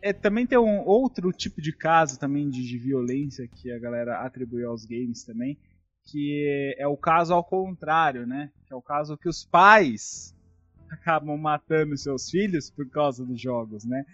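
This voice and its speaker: A man's voice: fairly high pitch, moderate pace, fairly bright tone. A man with a Brazilian Portuguese accent hosting a casual chat, telling stories with profanity and indignation. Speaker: podcast host. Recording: dull lo-fi audio, faint music.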